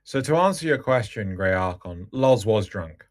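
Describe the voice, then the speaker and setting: A man's voice: fairly low pitch, lively intonation, moderate pace. Joking, persistent male podcast co-host. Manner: persistent, joking, makes his point. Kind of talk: casual gaming podcast chat.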